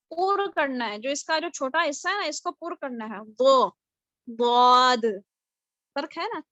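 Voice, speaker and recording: A woman's voice: high-pitched, fairly bright tone, no room sound, lo-fi sound. A woman teaching a live online Tajweed class, patiently explaining and modelling Arabic letter sounds aloud, often checking with her students. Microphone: video call.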